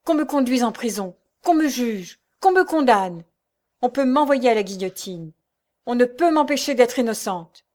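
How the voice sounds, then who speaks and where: A woman's voice: medium pitch, moderate pace, mellow, natural voice. A woman voicing a young mother wrongly arrested, speaking with impassioned, pleading fervor. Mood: defiant.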